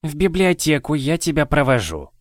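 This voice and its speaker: A timid, polite young boy who chooses his words carefully, as a man plays him. His voice sits raised above a normal man's and stays quiet. The recording is dry. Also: on the high side, very animated, normal speed, no room sound, pitched above the performer's own voice.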